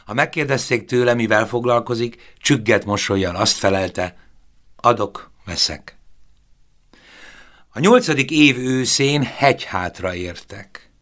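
A man narrating a novel in a measured, expressive audiobook reading. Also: mid-range voice.

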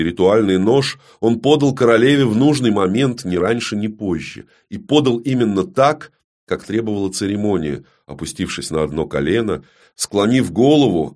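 A man narrating a dark fantasy audiobook in a measured, grave storytelling manner that often drops to a hush. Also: on the low side, expressive.

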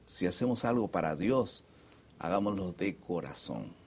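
A man's voice: sits low, lively intonation, normal speed, a little mellow, breathy edge. A man leading a Bible study discussion, reading verses aloud and steering the talk to the next point. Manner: guiding, reads scripture aloud, moves the talk on. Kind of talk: casual religious discussion.

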